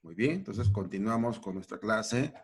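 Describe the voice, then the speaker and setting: A man's voice: lowish voice, lively intonation, moderate pace, breathy edge. A man teaching a grammar lesson to children, repeating each point and checking in with short questions.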